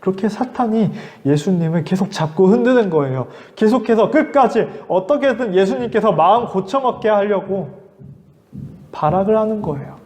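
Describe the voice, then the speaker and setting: A man's voice: high voice, expressive, normal speed, a little mellow, long reverb tail. A man preaching in a children's service, telling a Bible story vividly. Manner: vivid storytelling, shifting into character voices.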